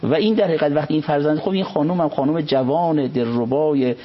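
A man, a religious scholar, reciting Arabic passages and explaining them in an unhurried conversational commentary. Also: fairly high pitch. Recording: dull lo-fi recording.

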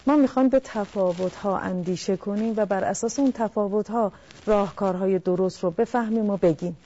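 Mellow-voiced woman counselor, lo-fi broadcast. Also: mid-range voice, slightly rough. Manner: calm, explanatory, addresses listeners directly. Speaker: family counselor guest. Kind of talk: talk-show advice.

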